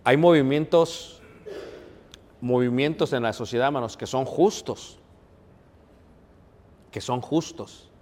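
Preacher in a reverberant hall. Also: male voice, medium pitch, takes it slowly, pauses often, a little mellow. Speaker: pastor. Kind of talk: sermon.

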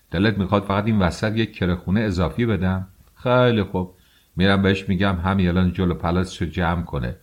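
A brusque, irritable young husband with a deep, husky voice, as a male reader plays him. He scolds and argues in an audiobook drama. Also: darkish tone. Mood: persuading. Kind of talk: audiobook character reading.

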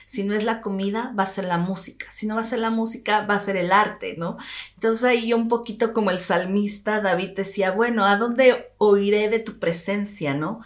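A woman with a Mexican Spanish accent, an interview guest explaining her thoughts, often adding tag questions and the odd English word. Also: fairly high pitch. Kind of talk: explanatory conversation.

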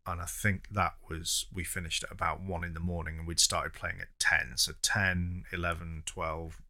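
A man's voice: sits low, level tone, normal speed, pushed and bright. A man, co-hosting a podcast in casual, teasing chat that often trails off into fillers. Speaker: podcast co-host.

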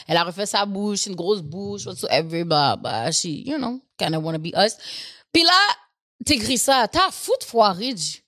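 A woman in casual chat, reacting loudly and throwing in slang. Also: medium pitch, sing-song, normal speed.

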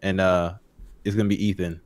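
Low, dry-sounding young male podcast host. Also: little pitch movement, a little fast, no echo. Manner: slangy, joking. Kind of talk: casual sports chat.

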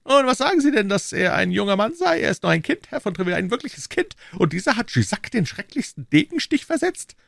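A shrill, fussy young king. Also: very animated, vocal fry, fairly bright tone, dry recording, clean studio sound, exaggerated voice. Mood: teasing. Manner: shrill, fussy, quick to scold. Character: excitable high-voiced young male king. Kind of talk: audiobook character voice.

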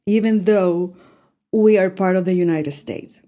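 Warm-voiced woman in her sixties. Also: fairly low pitch, a little slow. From Puerto Rico. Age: 60s. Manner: earnest, with frequent fillers and light laughs. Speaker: guest. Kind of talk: conversational interview.

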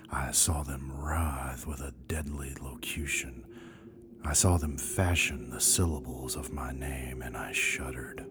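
A man playing a sinister old horror actor who tells bedtime stories in a slow, creeping, breathy whisper, in a radio play. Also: rumbling low. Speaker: horror storyteller. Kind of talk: radio bedtime story narration. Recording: loud music behind.

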